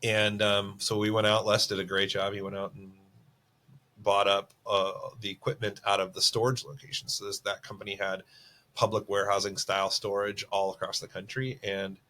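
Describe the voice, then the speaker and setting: A man's voice: lowish voice, level tone, normal speed, sharp tone. A middle-aged man co-hosting a casual business podcast, chatty and self-mocking, laughing often as he tells stories. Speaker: podcast co-host.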